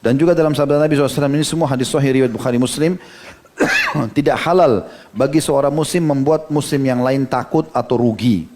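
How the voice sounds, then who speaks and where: Man, middle-aged, Islamic preacher, fast-paced sermon, storytelling, frequent "ya" asides. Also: medium pitch, noisy background. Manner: storytelling lecture, quoting hadith, frequent "ya" asides.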